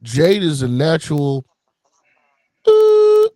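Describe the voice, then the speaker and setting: A man's voice: animated, moderate pace, no room sound, faint music behind. A man co-hosting a casual wrestling podcast, talking in a gleeful, gloating way. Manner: gleeful, gloating, jumps high in pitch. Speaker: podcast co-host.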